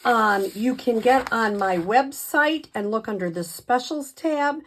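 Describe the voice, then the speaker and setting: A woman hosts a casual craft tutorial in a fairly high voice. She takes her time, explaining each step in a chatty, slightly hesitant way. Her speech carries a slight lisp, like someone fresh from dental work. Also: a little slow, slight background noise. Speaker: craft demonstrator and video host.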